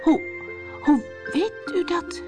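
A woman voicing a gentle, timid young woman in a storybook, in a raised, breathless voice. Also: sits high, very animated, normal speed, music in the background, voice pushed up. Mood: sweet, eager.

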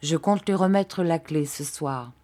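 A woman reading aloud, voicing an old fisherman who speaks quietly and kindly, in a slow storybook delivery. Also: deep voice, voice pushed down. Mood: subdued. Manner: quiet, subdued. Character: old fisherman, gruff but gentle man.

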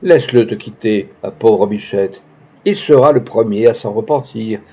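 Jeune actrice prétentieuse, grandiloquente, lue par un homme, voix feutrée. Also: male voice, lowish voice, normal speed, mellow, breathy edge, muffled recording. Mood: gushing. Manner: pompous, gushing. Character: young woman, pretentious theatrical actress.

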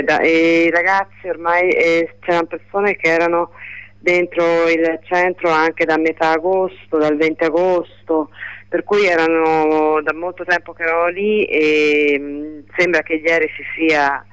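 A woman giving a live report by telephone, talking in a halting way with many fillers and restarts. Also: low voice, fairly bright tone, clear, resonant tone, no echo, rough recording. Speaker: phone-in reporter.

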